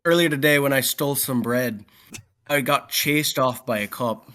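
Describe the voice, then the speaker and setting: A man voicing a young male street thief in his own plain voice, quick and offhand. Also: mid-range voice, fairly bright tone, lightly acted.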